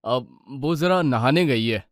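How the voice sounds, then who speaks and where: Storybook husband: low, put-upon grumbler, a woman voicing him, dry studio sound. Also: expressive, slow, no room sound, exaggerated voice. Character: weary grumbling husband, adult man.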